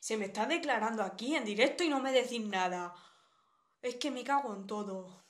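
A woman's voice: a little high, lively intonation, moderate pace. A young woman from Spain with a Spanish accent, chatting bluntly with viewers on a live stream and reading out their comments. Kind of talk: casual live-stream chat.

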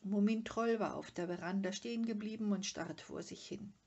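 A woman reader narrating a children's book in a calm, measured way, sometimes dropping to a near whisper. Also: mid-range voice, highs cut off. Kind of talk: audiobook narration.

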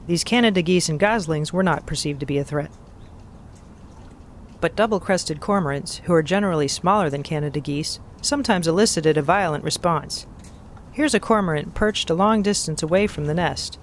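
A man reading scripted nature documentary narration in a measured, factual, explanatory manner. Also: on the high side, a little hiss or hum.

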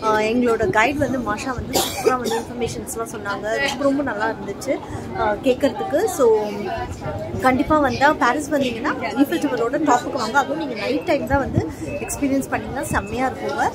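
A woman's voice: on the high side, racing. A woman with a Tamil accent talking to camera as a travel vlogger. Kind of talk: vlog talk to camera. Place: outdoor viewing deck at night. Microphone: phone at arm's length. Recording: crowded outdoor deck, loud chatter behind.

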